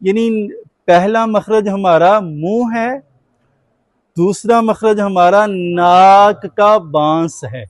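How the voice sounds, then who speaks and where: A Quran teacher with a high voice draws out his words as he patiently quizzes his students and has them answer back. The recording has no echo.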